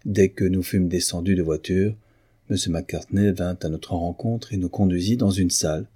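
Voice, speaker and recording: A man reading a classic novel aloud in a measured, expressive narration. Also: sits low, breathy edge. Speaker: audiobook reader. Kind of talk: scripted narration.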